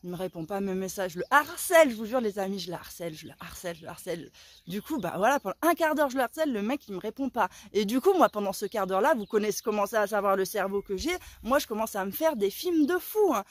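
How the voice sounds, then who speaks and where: A woman in her forties telling a story in a casual vlog, animated and dramatic, with a sore throat that keeps her softer than usual. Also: medium pitch, quick pace, no echo. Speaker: vlogger.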